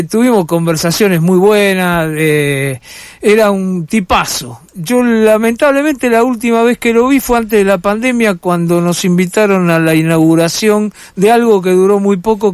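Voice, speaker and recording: A man's voice: high voice, smooth, no room sound. Man, Rioplatense accent, middle-aged, radio host, reflective, hesitant, dry studio sound. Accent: Rioplatense Spanish. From Argentina. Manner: reflective, many filler hesitations. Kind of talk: casual radio chat.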